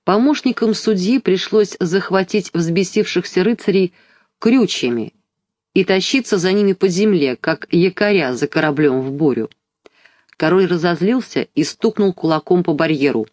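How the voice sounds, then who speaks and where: A reader narrating a children's audiobook chapter in a measured, even storytelling manner. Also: medium pitch, no room sound, studio quality.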